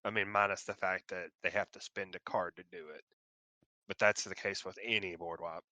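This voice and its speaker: Male podcast co-host, low and bright, analytical, dry close mic. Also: fairly even intonation, moderate pace, no echo, low-quality recording. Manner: analytical, explains card rules. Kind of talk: casual card game chat.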